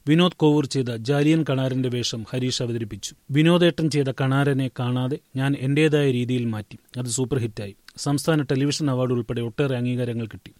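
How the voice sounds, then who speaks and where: Man, newspaper feature read aloud, measured steady delivery, mid-pitched, dry close sound. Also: no room sound. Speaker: newspaper article reader.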